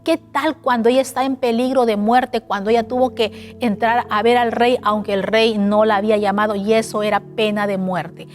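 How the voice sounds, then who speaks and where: A woman preaching a sermon in an animated way, asking the listeners rhetorical questions. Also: fairly high pitch, normal speed, few pauses. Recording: faint music behind.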